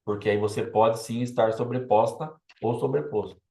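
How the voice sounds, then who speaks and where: A man's voice: mid-range voice, fairly even intonation, moderate pace, gravelly, warm tone, roomy sound. A man with a Brazilian Portuguese accent, a pastor giving an earnest, repetitive teaching sermon. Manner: earnest, repetitive, acts out quoted objections.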